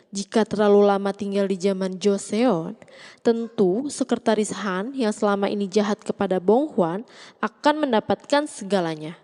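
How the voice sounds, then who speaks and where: A woman's voice: medium pitch, mellow, long reverb tail. A woman reads a scripted story recap as the narrator. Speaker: narrator recapping a drama series.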